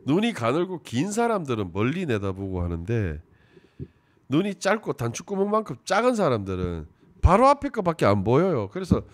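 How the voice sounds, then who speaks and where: A man giving casual commentary on a TV show, swinging between loud emphasis and low muttering. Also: no room sound.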